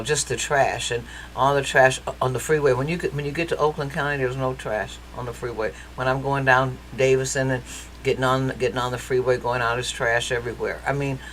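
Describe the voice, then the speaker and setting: A woman's voice: very deep voice, fairly bright tone, slight background noise, rough recording. A woman from Detroit hosting a casual interview, chatty and probing, pushing back on her guest. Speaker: talk show host.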